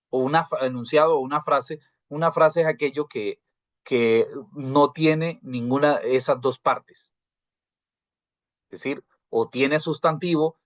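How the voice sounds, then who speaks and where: A man's voice: mid-range voice, no room sound. A man giving a live online grammar lecture as a university teacher. He asks rhetorical questions, checks in with "¿cierto?", and often repeats and restarts words as he explains. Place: video call class. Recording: dry, slightly dull video call audio.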